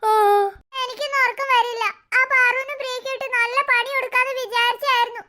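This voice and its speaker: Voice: extremely high pitch, level tone, quick pace, pushed and bright, full character voice. A voice actor playing a mischievous, whiny little girl who scares easily. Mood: sulky. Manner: whiny, then shrieking in panic. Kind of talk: cartoon voice acting.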